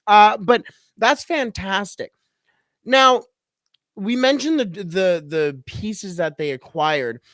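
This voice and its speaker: A man's voice: sits high, takes it slowly, a bit bright, no room sound, studio quality. A man co-hosting a sports podcast in casual, emphatic chat. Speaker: podcast co-host.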